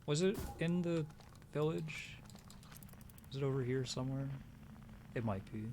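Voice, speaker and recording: A man's voice: mid-range voice, unhurried, background noise. A man co-hosting a game stream, joking and talking through what he does in the game. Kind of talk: casual game stream chat.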